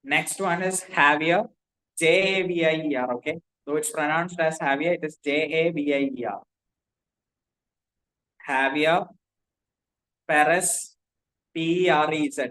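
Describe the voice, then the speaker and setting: Indian English male tutor, slightly high voice, dictates and spells each word for students to copy. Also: fairly even intonation, measured pace, long pauses, a bit bright, rough recording. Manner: spells words out letter by letter, repeats himself. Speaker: teacher. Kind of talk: classroom lecture dictating notes.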